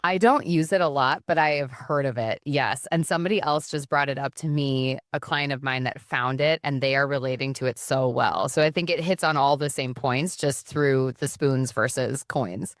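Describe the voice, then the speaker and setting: A woman's voice: a bass voice, normal speed, hardly any pauses, dry recording, clean studio sound. A middle-aged woman, a counsellor, talking earnestly and reflectively as a podcast guest. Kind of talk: casual podcast conversation.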